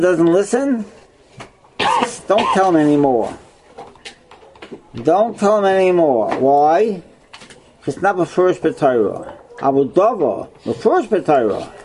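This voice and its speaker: A man's voice: fairly high pitch, very animated, takes it slowly, pauses often, darkish tone, a little hiss or hum, rough recording. A man teaching a Torah study lesson, asking and answering his own questions and repeating himself. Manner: repeats phrases, checking with "right?". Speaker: religious teacher.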